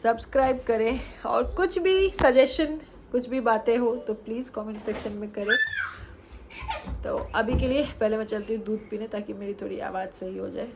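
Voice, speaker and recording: A woman's voice: fairly high pitch, fairly even intonation, moderate pace, creaky, background noise. A young woman with a cold and sore throat, chatting casually to camera as a vlogger at home at night. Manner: chatty, fond mother talking to camera. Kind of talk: casual home vlog chat.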